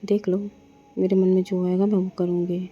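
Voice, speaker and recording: A woman's voice: fairly low pitch, little pitch movement, moderate pace, natural voice. A woman voicing a teasing, stubborn young woman who insists on getting her way, in a story. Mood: insistent. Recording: dull lo-fi with faint noise.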